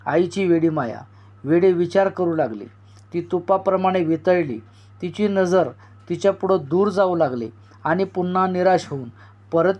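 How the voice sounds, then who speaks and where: A storyteller, reading a novel aloud at a measured pace and acting out the dialogue. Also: medium pitch, darkish tone. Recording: dull lo-fi recording.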